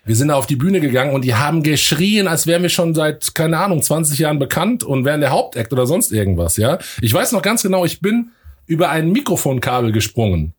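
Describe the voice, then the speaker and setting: A man recounting a wild stage story in a casual chat, lively and excited, acting out the voices of the people in it. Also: a little high, fast, slightly rough. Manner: animated, acts out voices, gets loud and excited. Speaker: rapper telling a stage story.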